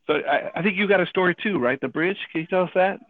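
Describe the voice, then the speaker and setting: A man telling a personal story and drawing a faith lesson from it, animated, acting out the people he quotes and often adding "right?". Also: sits high, fast. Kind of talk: casual radio talk. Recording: tinny phone-like radio audio.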